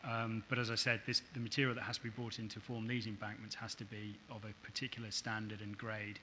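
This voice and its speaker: A man's voice: lowish voice, level tone, fast, sharp tone. A man, a council officer, giving a formal explanation in answer to questions. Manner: hesitant in places. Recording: dull meeting audio with faint hiss.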